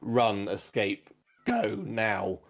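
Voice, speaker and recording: A man's voice: lowish voice, fairly even intonation, very slow, vocal fry, exaggerated voice. A man voicing a flustered, panicked elven lord in a tabletop game, speaking urgently.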